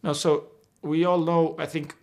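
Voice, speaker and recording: Earnest young footballer with Portuguese roots. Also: male voice, a little high, little pitch movement, unhurried. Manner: earnest, repeats and restarts words. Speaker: footballer guest. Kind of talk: interview answers. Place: indoor locker room. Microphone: video call.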